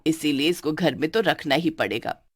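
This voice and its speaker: Low-voiced domineering mother-in-law for a cartoon, done by a woman. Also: moderate pace. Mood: scolding. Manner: commanding, scolding. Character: older mother-in-law, bossy, favors new bride. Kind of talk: cartoon voice acting.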